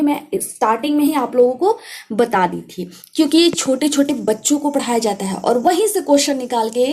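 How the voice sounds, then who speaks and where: A woman's voice: high voice, a little mellow. A woman teaching an exam-prep grammar lesson, repeating reminders to note things down and stretching out example words.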